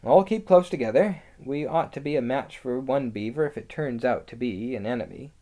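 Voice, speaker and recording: A man's voice: medium pitch, normal speed, mellow, natural voice. A man voicing a brave, polite eldest boy in a storybook, earnest and firm.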